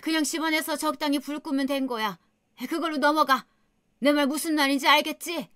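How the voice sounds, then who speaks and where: A woman voicing a harsh older mother-in-law who berates and belittles in a shrill, contemptuous way. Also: fairly even intonation, a little fast, fairly bright tone, no echo, clean studio sound. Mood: dismissive scolding.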